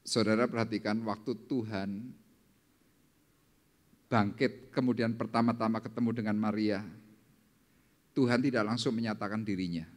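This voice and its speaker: Man preaching in an echoing church. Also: fairly even intonation. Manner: dramatic, slowing down and rising in pitch for scripture quotes. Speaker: pastor. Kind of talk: sermon. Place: church service hall. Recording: long hall reverb in a church.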